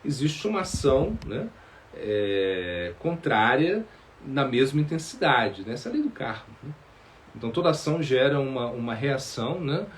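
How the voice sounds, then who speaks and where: Male spiritual teacher, mid-pitched voice, halting answers, lots of fillers. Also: very animated, slight background noise. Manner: halting, many fillers and repeated words. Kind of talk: sermon answering questions.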